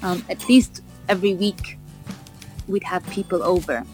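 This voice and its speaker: A woman's voice: lowish voice, fairly even intonation, moderate pace, music in the background. Enthusiastic woman author on radio. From raised in Vancouver, Canada. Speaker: cookbook author, interview guest. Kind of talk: radio interview answers.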